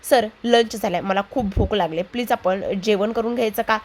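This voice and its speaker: A woman's voice: medium pitch, normal speed, close to an everyday voice. Cheerful young woman designer, playful with her boss, read plainly by a narrator.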